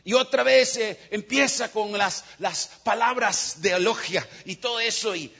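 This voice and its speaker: A man's voice: high-pitched, unhurried, creaky, sharp tone, husky. A man preaching in a sermon and telling a story, changing his voice for the characters. The sound is dull and lo-fi. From United States.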